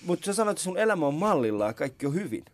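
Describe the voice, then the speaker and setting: A man's voice: a little high, very animated, no echo. A man hosting a casual morning radio chat show, telling stories about himself in a chatty, self-mocking way from a studio. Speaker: radio talk show host.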